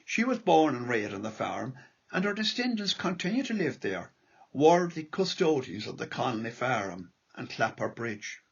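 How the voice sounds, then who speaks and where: A man's voice: medium pitch, sing-song, normal speed, vocal fry, husky, dull audio. An Irish man reading a prepared lecture aloud as a local history speaker.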